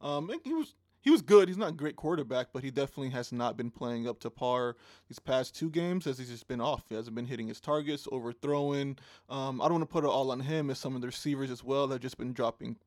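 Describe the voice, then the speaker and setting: A man's voice: mid-range voice, fast, few pauses, darkish tone, no room sound, clean studio sound. A man co-hosting a casual fantasy football show, easygoing with lots of ums and playful team banter. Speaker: fantasy football podcast co-host. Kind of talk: casual sports chat.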